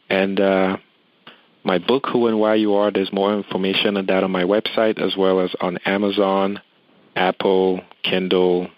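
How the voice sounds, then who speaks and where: A very deep-voiced man from Cameroon, talking as a guest on a podcast. He speaks calmly and in a measured way. The recording is dry and close. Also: dry recording, lo-fi sound. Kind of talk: casual interview.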